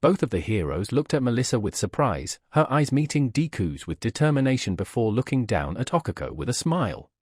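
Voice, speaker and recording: A man narrating a romance fanfiction story in an expressive, dramatic reading. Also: medium pitch, fairly quick, few pauses, breathy edge, no echo, clean studio sound. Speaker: fanfiction reader.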